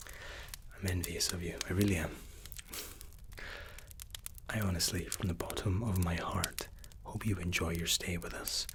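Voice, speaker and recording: Deep-voiced man whispering softly. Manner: soft, unhurried whisper, courteous and soothing. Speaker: ASMR role-player as hotel and spa staff. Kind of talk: ASMR role-play.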